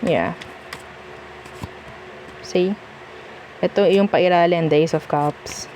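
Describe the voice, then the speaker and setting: A Filipino-accented woman gives a casual tarot reading in a fairly low, slow, mellow voice, with a little hiss or hum on the recording. She's chatty and reassuring, switching between Tagalog and English and often checking in with "okay?".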